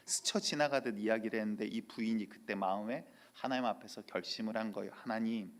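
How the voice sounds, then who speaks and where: A male pastor delivering a sermon in church, telling lively stories and acting out quotes. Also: medium pitch, gravelly. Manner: lively storytelling with acted-out quotes.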